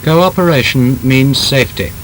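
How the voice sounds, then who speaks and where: In a formal, measured voice of middling male pitch, a British man narrates a 1930s-style training film with emphatic, scripted delivery. The rough old soundtrack carries a faint rumble.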